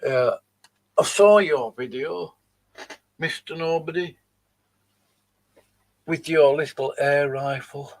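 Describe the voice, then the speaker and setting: A man's voice: a little high, slow pace, long pauses. A man hosting his channel, mocking and dismissive as he comments on video clips he plays. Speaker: channel host reacting to videos. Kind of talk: live commentary on played clips.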